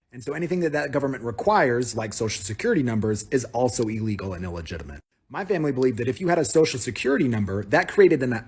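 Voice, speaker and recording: Fast, animated man telling a story. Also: medium pitch, breathy edge. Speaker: TikTok storyteller. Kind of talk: casual personal storytelling to camera.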